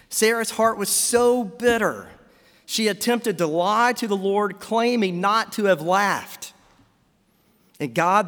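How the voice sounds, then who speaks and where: A man's voice: high-pitched, fairly bright tone, long reverb tail. A man preaching a sermon as a pastor, asking his congregation rhetorical questions.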